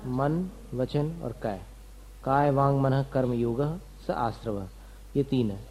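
A man lectures on religious doctrine in a warm, mellow voice. He poses a question to his class and then answers it himself, going through terms one by one so students can write them down. His pitch sits in an ordinary middle range. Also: takes it slowly, a little hiss or hum, poor audio. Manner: asks and answers his own questions, lists terms methodically. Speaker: religious teacher.

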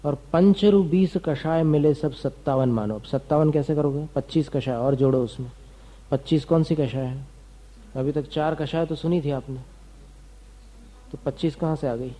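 A man's voice: on the high side, mellow, low-quality recording. A man giving a doctrinal lecture to students, asking and answering his own questions and listing terms one by one. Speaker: religious teacher.

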